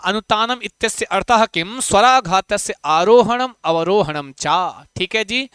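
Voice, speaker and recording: A man teaching Sanskrit in an exam-prep lesson, coaxing his students with questions and chanting verse slowly. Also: high voice, fairly bright tone, smooth, no room sound.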